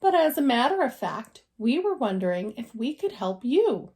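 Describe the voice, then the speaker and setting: A woman's voice: a little high, big pitch swings, moderate pace, warm tone. A woman voicing a kindly, hesitant middle-aged husband and father in a storybook, mild and polite. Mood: courteous.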